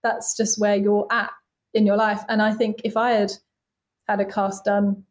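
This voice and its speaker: Here the body casting artist, a woman in her late twenties, chats earnestly and openly during a casual interview, leaning heavily on "like" as a filler. Her mid-range voice moves at a normal speed with a flat delivery.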